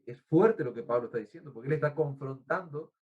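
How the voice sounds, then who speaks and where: A man's voice: fairly high pitch, expressive, fairly quick, dull audio. A man with an Argentine accent preaching a sermon as pastor, earnest and teacherly, often addressing the congregation as brother. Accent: Argentine Spanish. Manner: teacherly, explains words and spells them out.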